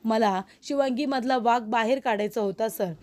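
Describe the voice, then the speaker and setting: A woman's voice: fairly high pitch, moderate pace, darkish tone, natural voice. A woman voicing a determined young lawyer in a retold TV serial, earnest and soothing.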